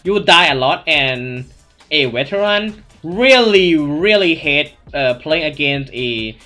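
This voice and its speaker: Soft music plays behind this man, whose fairly high voice sounds pushed, bright, and expressive as he takes things slowly. He hosts a gaming channel with a thick Thai accent, giving casual Q&A commentary over gameplay full of "you know" fillers and restarts.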